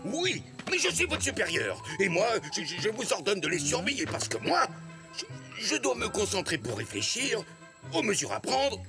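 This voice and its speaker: A man's voice: high voice, wildly swooping pitch, normal speed, over music, exaggerated voice. A man voicing a bumbling, cowardly, food-loving army sergeant in a cartoon, flustered and stammering with bluster. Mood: flustered, evasive. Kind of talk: French animated series acting.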